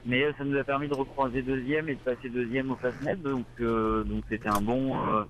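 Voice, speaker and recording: A skipper calls in over a radio link from his boat, his voice thin and tinny. He talks casually at a middle pitch, stopping and restarting often. He hesitates a lot between his thoughts. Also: fairly even intonation. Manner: halting, full of hesitations and restarts. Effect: heard over a crackly radio link from a boat. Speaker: sailing race skipper. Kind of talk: casual live interview.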